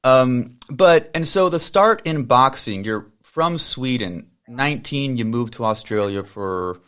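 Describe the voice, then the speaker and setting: A man's voice: medium pitch, animated, unhurried, fairly bright tone, clear, resonant tone. Rambling male podcast host. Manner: rambling, many fillers and tangents. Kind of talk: casual podcast intro and interview.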